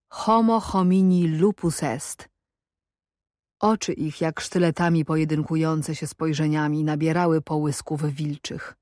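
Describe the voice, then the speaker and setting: A woman narrating an audiobook in a measured, even storytelling manner. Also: low-pitched, no echo, clean studio sound. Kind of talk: scripted narration.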